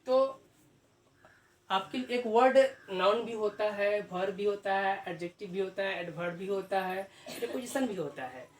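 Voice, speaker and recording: Male teacher, classroom lesson at a board, self-answered questions, slow repeated key words, echoey room, distant mic. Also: sits high. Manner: asks rhetorical questions and answers them himself; repeats key terms slowly. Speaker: English grammar teacher. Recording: echoey room, mic far off, faint hiss.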